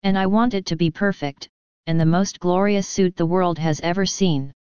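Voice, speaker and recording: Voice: mid-range voice, steady tone, moderate pace, darkish tone, smooth, dry recording, dull audio, close to an everyday voice. A preacher voicing a stately, commanding king within a parable. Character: demanding king, grand and commanding.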